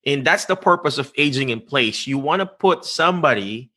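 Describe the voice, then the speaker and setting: With a bright, forceful, mid-range voice at normal speed, a Filipino-accented host from the Philippines runs an animated live-stream interview. He asks emphatic rhetorical questions and tends to repeat words.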